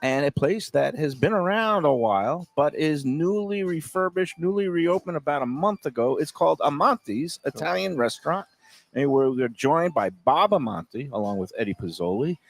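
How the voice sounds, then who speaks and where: A man's voice: fairly high pitch, lively intonation, moderate pace, vocal fry. A man from Brooklyn hosts a food show, chatting and joking with guests on an outdoor restaurant patio. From Brooklyn, New York. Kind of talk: casual interview.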